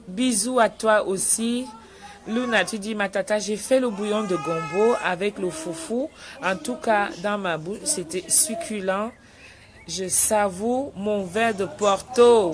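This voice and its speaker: A woman's voice: medium pitch, slow pace, crowd noise. Chatty woman hosting a live stream. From Cameroon. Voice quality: lively, greets viewers by name, chatty. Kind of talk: casual live chat reading viewer comments.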